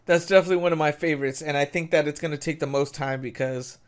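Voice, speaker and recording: A man co-hosting a relaxed podcast, his voice sitting a little high. He talks loosely, dropping swear words and calling his friend dude and bro. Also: fast talker, clean tone. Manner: laid-back, swears a lot, says dude and bro. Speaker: podcast co-host. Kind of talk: casual chat.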